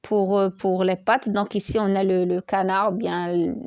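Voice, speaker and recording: A woman's voice: medium pitch, level tone, moderate pace, darkish tone, no echo. A woman teaching an online lesson, hesitant, repeating words and checking in with the class often.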